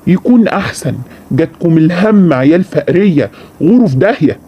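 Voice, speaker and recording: A man's voice: on the high side, lively intonation, brisk, breathy edge, lo-fi sound. An actor playing a cruel, bossy middle-aged father who insults his daughters, speaking with an Egyptian accent in a radio-style story. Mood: harsh.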